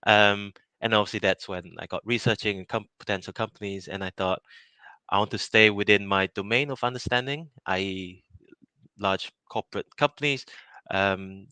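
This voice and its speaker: Low bright-voiced man from Malaysia. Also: steady tone, moderate pace, smooth, no room sound. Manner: hesitant, many fillers and restarts, laughs often. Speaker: innovation project lead. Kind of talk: casual interview answers.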